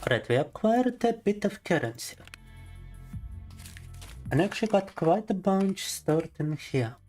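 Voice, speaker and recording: A man's voice: high voice, big pitch swings, unhurried, a little mellow, soft background music. A man and native Russian speaker chatting casually on a gaming livestream, laughing often and explaining things to viewers as he plays, into a desk microphone.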